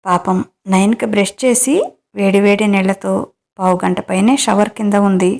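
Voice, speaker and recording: A woman reading a romance audio story aloud as its storyteller, narrating in a steady way. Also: mid-range voice, normal speed.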